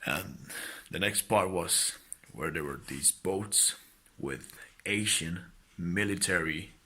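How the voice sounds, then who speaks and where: Young spanish guy w/ american accent, low and kinda husky but bright and forceful, earnest testimony vibe. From Spain. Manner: earnest, halting, swelling to fervent blessings. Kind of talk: personal testimony and exhortation.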